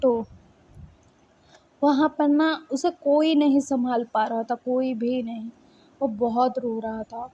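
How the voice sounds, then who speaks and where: A woman's voice: high-pitched, fairly even intonation, takes it slowly, pauses often, breathy edge. A woman retelling a story in a casual, conversational way, full of small fillers. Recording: dull lo-fi recording.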